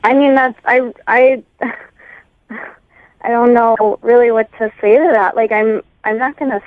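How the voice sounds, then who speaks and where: A woman's voice: on the high side, steady tone, slow, no room sound. A woman on the phone to a radio show, hesitant and full of fillers. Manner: hesitant, filler-heavy, apologetic. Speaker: caller. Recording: tinny phone line.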